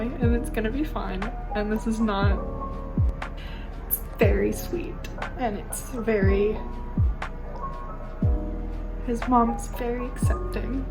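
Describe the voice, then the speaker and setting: A woman in her twenties, gushing and excitable, chatting casually in a reading vlog at home, often trailing off and restarting. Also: fairly high pitch, rough recording. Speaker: book vlogger. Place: at home indoors.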